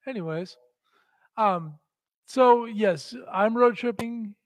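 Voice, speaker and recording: A man's voice: high-pitched, slow pace, no echo, rough recording. A middle-aged man chatting and bantering casually as co-host of a talk show.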